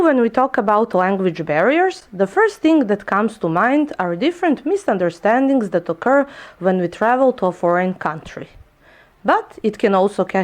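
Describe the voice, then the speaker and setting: A young woman, a native Serbian speaker, delivers a prepared lecture presenting her research paper. She explains things clearly, making a few minor slips, in a slightly mellow medium-pitched voice.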